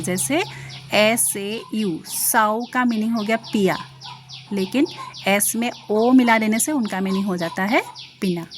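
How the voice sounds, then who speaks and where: Her mid-range voice carries a little hiss or hum as this woman, a Hindi teacher, lectures on grammar notes. She walks through every example, fills her speech with fillers, and keeps asking "ठीक है ना" to make sure students follow.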